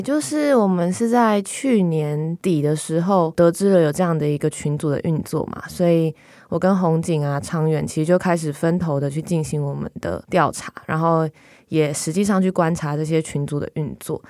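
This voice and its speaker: A woman's voice: low-pitched, darkish tone, dry recording, studio quality. A woman journalist with a Taiwanese accent chats as a podcast guest, speaking through a face mask. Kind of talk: conversational podcast discussion.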